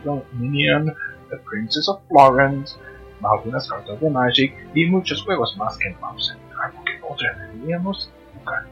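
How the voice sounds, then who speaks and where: A man's voice: medium pitch, lively intonation, normal speed, lo-fi sound, faint music behind. A man co-hosting a podcast, presenting in a playfully wordy, mock-formal manner. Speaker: podcast co-host.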